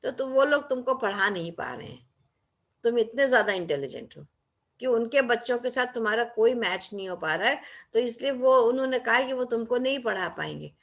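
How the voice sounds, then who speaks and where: A woman voicing a gentle mother who calmly reassures her young son. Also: fairly high pitch, fairly quick. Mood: reassuring.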